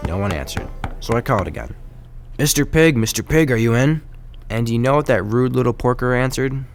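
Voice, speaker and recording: A man's voice: medium pitch, expressive, brisk, lightly acted. A man playing an aggrieved, folksy wolf who narrates his side of a storybook radio play in a conversational, wry, self-justifying way. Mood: calling out. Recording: loud music under the voice. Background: guitar music.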